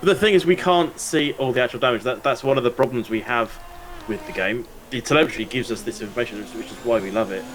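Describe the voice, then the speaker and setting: A man commentating live on an online racing league, getting excited during close moves. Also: mid-range voice, fast talker, a little hiss or hum, low-quality recording. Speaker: race commentator.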